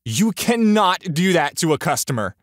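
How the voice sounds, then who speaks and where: A man voicing a shrill, entitled middle-aged woman passenger who talks in an indignant, accusing way. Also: sing-song, normal speed, dry recording, clean studio sound.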